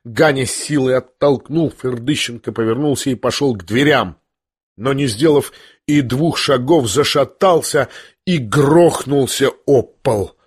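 A man narrating a classic novel in an expressive, dramatic reading. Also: medium pitch, measured pace, breathy edge. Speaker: audiobook narrator. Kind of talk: scripted literary narration.

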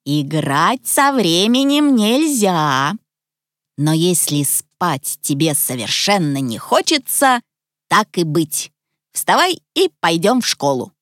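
A woman voicing a calm, wise magical clock creature who speaks in a steady, reassuring tone. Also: on the low side, slow pace, no echo, clean studio sound.

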